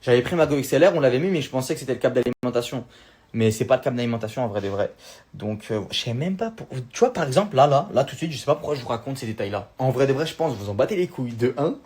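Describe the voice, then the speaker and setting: A man's voice: mid-range voice, animated, racing, a little mellow. A young man talking casually into his vlog, slangy and rambling as he vents. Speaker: vlogger.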